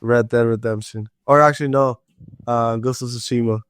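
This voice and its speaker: A man's voice: medium pitch, steady tone, normal speed, smooth, dry recording, studio quality. A young man co-hosting a casual podcast with loose, joking, slangy banter. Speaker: podcast co-host. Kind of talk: casual chat.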